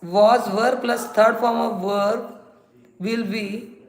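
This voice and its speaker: Female teacher, Indian accent, live-stream lesson. High, gravelly edge, instructive and repetitive delivery, echoey room. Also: steady tone, slow pace. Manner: instructive, repeats examples and rules. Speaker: English grammar teacher. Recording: roomy echo, faint noise and clicks.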